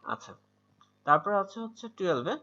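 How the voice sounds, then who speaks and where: Man, Bangladeshi accent, very bright voice, a bit high, patient pronunciation drills, muffled video-call sound. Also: very animated, normal speed, vocal fry. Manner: patient, drills words over and over. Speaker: English tutor. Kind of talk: online pronunciation class.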